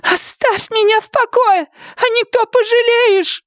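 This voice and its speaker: A woman voicing a frightened, timid woman with a high, thin, squealing voice. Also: measured pace, fairly bright tone, no echo, clean studio sound. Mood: shrieking.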